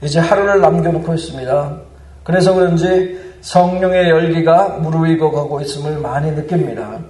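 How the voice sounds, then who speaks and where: A man delivers a sermon with earnest, building fervor. His voice sits somewhat high for a man. He is heard from a distance across a large, echoing church sanctuary. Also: moderate pace, a little mellow. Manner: earnest, building to fervent proclamation. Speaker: preacher. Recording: roomy church hall, mic at a distance.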